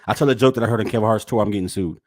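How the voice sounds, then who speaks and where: A man's voice: on the low side, very fast. Emphatic, hyped-up male podcast co-host. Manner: emphatic, repeats points, profane, gets loud and animated. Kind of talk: casual chat.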